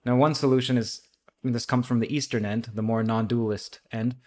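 A man's voice: medium pitch, fairly even intonation, fairly quick, darkish tone. A man hosting a podcast, reading aloud with commentary in a thoughtful, articulate way. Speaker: podcast host.

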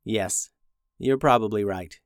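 A man's voice: on the low side, unhurried, dry recording, studio quality, voice pushed down. A man voicing a thoughtful orphan prince in a storybook, musing aloud.

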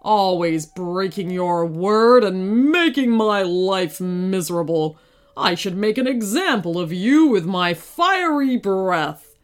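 A woman voicing a huge, grumpy and lonely male dragon, speaking slowly and gruffly. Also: medium pitch, lively intonation. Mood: angry.

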